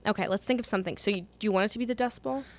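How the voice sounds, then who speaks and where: A woman's voice: mid-range voice, rapid-fire. Giggly tipsy woman rambling. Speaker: podcast co-host. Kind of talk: casual chat.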